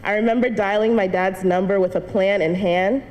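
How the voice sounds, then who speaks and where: In an earnest personal testimony, a young woman student tells a church congregation her story, laughing lightly here and there. She speaks at normal speed in a steady, mid-range voice that's a little mellow. The church hall gives long reverb plus faint noise.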